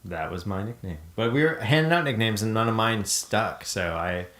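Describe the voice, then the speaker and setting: A man's voice: lowish voice, moderate pace, roomy sound. A man hosting a podcast, telling a story in casual chat, rambling with lots of fillers. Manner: relaxed, rambling storytelling with many fillers and laughs. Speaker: podcast host.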